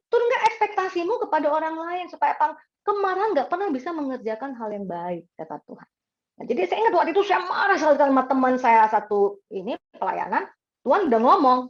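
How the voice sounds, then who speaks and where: Animated woman pastor preaching, lo-fi. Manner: animated, acts out quoted voices with sharp pitch jumps; chatty, asks the congregation for agreement. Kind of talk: sermon. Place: church service. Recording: dull lo-fi recording.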